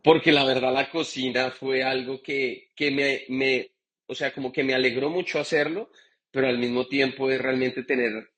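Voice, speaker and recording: A man's voice: medium pitch, fairly even intonation, normal speed, a bit bright. A man from Bogotá with a Colombian accent, a guest bartender telling his story in a chatty live interview over a video call. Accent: Bogotá Colombian Spanish. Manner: chatty, frequent fillers and restarts.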